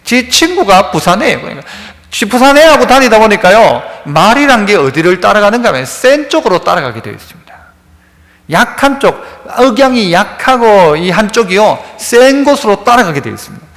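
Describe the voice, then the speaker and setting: A man's voice: high voice, very animated, fairly quick, fairly bright tone, in a large hall. A man with a Gyeongsang Korean accent, a pastor preaching a sermon in a church, who acts out everyday dialogues in a casual voice. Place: church sanctuary.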